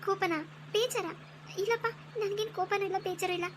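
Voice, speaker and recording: A woman voicing a kind, pregnant young village wife in a cartoon story, speaking in a soft, caring, forgiving way. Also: very high voice, steady tone, quick pace, slight background noise. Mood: hurt.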